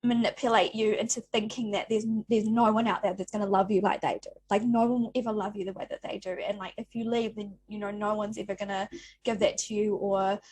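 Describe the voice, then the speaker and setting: A woman's voice: medium pitch, level tone, a little fast, darkish tone, slightly rough. A woman hosting a podcast, talking candidly and encouragingly in casual chat with plenty of swearing. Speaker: podcast host.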